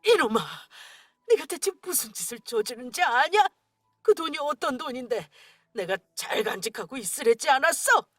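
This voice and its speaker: A blustering middle-aged father, voiced by a woman, who scolds and bellows at his grown son in a radio drama. His voice swings high and low with temper, and the recording is close and dry. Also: animated, normal speed, a bit bright, dry recording. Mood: furious.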